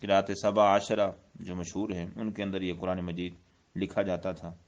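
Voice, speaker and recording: A man's voice: low-pitched, level tone, dull audio. A man with a Pakistani Urdu accent giving a religious lesson on Quranic script, explaining step by step, repeating points and reciting Arabic verses. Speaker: Quran teacher.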